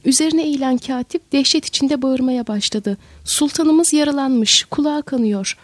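High-voiced woman narrating a story. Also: no echo. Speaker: audiobook narrator. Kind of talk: scripted narration.

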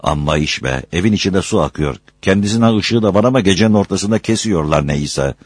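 A man doing a rough, hot-tempered young laborer. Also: deep voice, lively intonation, fairly quick, no echo, studio quality, pitched above the performer's own voice. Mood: grumbling. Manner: blunt, rough-spoken. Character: strong young male dough kneader, rough and hot-tempered.

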